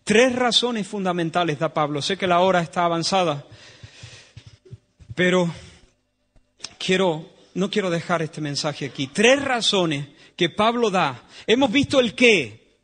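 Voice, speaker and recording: A man with a Spanish accent preaches in a church, his voice sitting high and ringing bright. He swings from loud, emphatic declarations down to hushed, intimate tones. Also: a little slow, long pauses. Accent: Spain. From Spain. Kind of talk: sermon.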